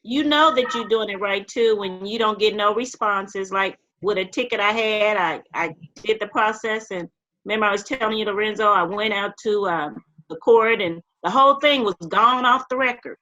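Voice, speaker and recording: A woman in casual chat on a group call, telling a story quickly. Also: mid-range voice, bright, forceful tone, highs cut off.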